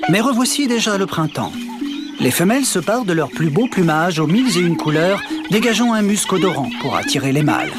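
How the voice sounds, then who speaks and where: An actor playing an earnest nature documentary narrator, with a solemn, measured storytelling delivery. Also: male voice, high-pitched, very animated, music in the background. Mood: solemn, dramatic.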